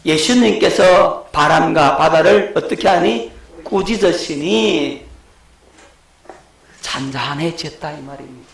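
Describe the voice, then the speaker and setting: A man's voice: fairly high pitch, slow, gravelly, reverberant, poor audio. A middle-aged male pastor, preaching a lecture-style sermon and asking his congregation questions. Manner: rhetorical questions to the congregation, shouting acted quotes.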